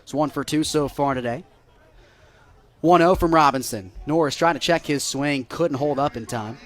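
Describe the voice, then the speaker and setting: Broadcasting a baseball game live over the radio, an American man handles the play-by-play. Between pitches he's even and measured, but his voice lifts excitedly whenever there's a play.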